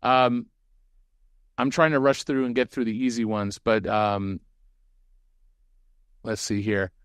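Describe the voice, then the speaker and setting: A man's voice: medium pitch, flat delivery, takes it slowly, a bit bright, smooth, no room sound, studio quality. A man co-hosting a webinar, reading out audience questions and chatting loosely, with lots of fillers and restarts. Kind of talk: casual webinar chat.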